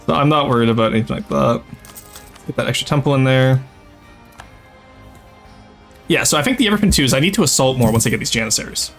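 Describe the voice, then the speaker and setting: With a medium pitch and lively intonation, this young French Canadian streamer talks briskly but pauses often, his tone a bit bright against faint music. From Quebec, Canada, with a light Québécois accent, he keeps up casual livestream chat, reading and replying to viewers while playing a strategy game.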